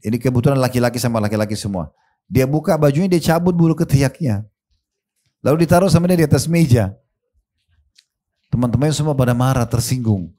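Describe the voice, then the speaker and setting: A man's voice: mid-range voice, fairly quick, pauses often, dark tone. A man preaching a sermon, reciting Arabic verses and talking straight to his listeners. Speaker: Islamic preacher. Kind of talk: sermon to a seated congregation.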